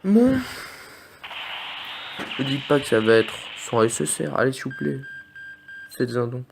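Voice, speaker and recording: A man giving live commentary on his game pulls in an excitable, joking way, often swearing and talking straight to his viewers. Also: mid-range voice, a little slow. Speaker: gaming video host. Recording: clear background noise.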